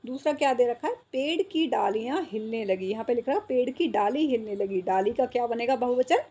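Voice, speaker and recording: Woman teacher, patient and repetitive, higher pitch, slightly husky. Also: lively intonation, brisk, mellow, muffled recording. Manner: patient, repeats words and checks understanding. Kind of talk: explaining a school textbook exercise.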